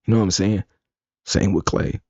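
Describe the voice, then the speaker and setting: A man's voice: deep voice, steady tone, normal speed, darkish tone, husky, no room sound. A man streaming live, talking casually, rambling and bluntly profane. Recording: dull lo-fi dry sound.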